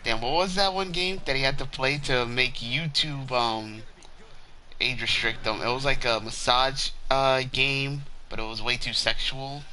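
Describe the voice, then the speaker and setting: A man's voice: medium pitch, a little slow, pushed and bright, a little hiss or hum, poor audio. A man hosting a casual chat, curious and prodding with repeated questions. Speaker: show host.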